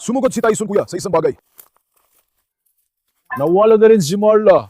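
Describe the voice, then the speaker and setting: A man narrating a tense outdoor adventure vlog, urgently calling out to his dogs and switching between loud shouts and hushed warnings. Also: high voice, normal speed, no echo, studio quality. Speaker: vlogger and dog owner. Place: forest at night.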